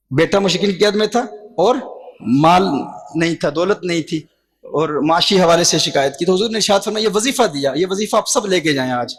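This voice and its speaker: A male preacher giving a sermon, telling stories dramatically and repeating his key phrases for emphasis. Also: fairly high pitch. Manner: dramatic storytelling with emphatic repetition.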